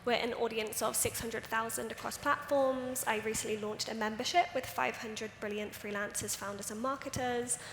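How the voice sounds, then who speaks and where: A woman creator speaks on a conference panel in an upbeat, self-deprecating way. Her voice sits fairly high. A roomy hall echo with long reverb hangs around her words. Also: fairly even intonation, moderate pace, few pauses, fairly bright tone, slight background noise. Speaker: community builder and creator, panelist. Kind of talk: live panel talk. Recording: roomy hall with faint ambience.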